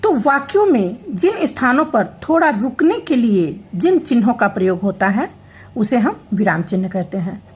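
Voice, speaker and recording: A woman's voice: on the high side, big pitch swings, normal speed, husky. A woman teaching a grammar lesson to children, explaining patiently and often checking that they follow.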